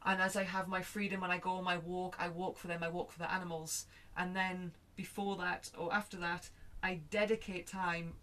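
Earnest woman, lowish voice. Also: level tone, normal speed, few pauses, fairly bright tone. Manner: earnest, thinks aloud with many restarts; acts out her own thoughts in quoted asides. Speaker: guest speaker. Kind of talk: reflective conversational talk.

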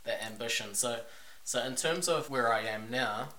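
This New Zealand-accented business owner, a man from New Zealand guesting on a podcast, sounds bright and forceful in a mid-range voice at a moderate pace. He keeps the casual interview frank and easygoing; the audio has room echo, a faraway mic and slight hiss.

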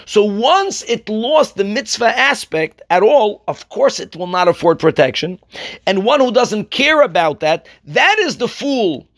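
Male religious teacher, notably high voice, explains texts line by line with emphatic, deliberate repetition. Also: expressive, fairly bright tone. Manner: emphatic, deliberate, repeats key phrases for stress. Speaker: rabbi teaching religious law. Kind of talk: religious lesson, reading and explaining a text.

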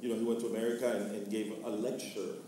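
This theatre artist from Venezuela, sitting on a panel to discuss a play, has a mellow, lowish voice with little pitch movement and a fast delivery. The talk is thoughtful, and the recording comes from a faraway mic in a very echoey room with faint noise.

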